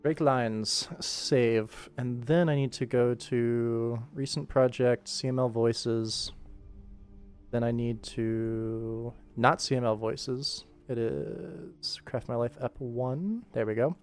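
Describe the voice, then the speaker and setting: Speaking slowly at medium pitch with a somewhat dark tone, a man offers relaxed livestream commentary, musing informally as he works on an animation project. There's music behind him.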